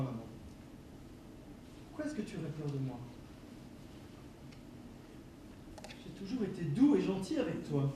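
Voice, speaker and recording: A man's voice: high voice, natural voice. A man playing a young escaped killer. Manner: threatening, then soft and wheedling. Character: young male escaped killer, menacing then coaxing. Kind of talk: stage play performance. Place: theatre stage. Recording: echoey hall, distant mic, noisy.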